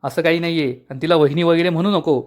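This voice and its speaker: A man's voice: fairly high pitch, fairly even intonation, fast talker, lightly acted. Male reader as an irritated, defensive young man. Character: irritable young village man, shy in love.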